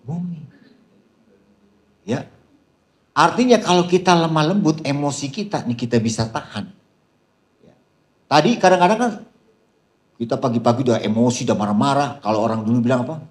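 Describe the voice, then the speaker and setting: A man's voice: medium pitch, moderate pace, long pauses. A man preaching a sermon to a seminar audience as pastor, constantly calling out to the crowd and mixing scripture with teasing jokes. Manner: addresses the crowd with repeated "saudara", teasing humor. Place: seminar hall.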